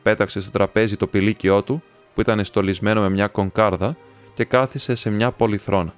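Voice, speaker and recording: A man's voice: lowish voice, fairly even intonation, smooth, faint music behind. A man reading a classic novel aloud as an audiobook, lightly changing his tone for the characters' lines. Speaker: audiobook reader.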